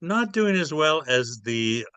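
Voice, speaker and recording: A man's voice: on the high side, sing-song, slow pace, bright, forceful tone, clean tone, no echo. A man, a playwright guest in an interview, telling stories animatedly and acting out his characters. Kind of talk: casual interview storytelling.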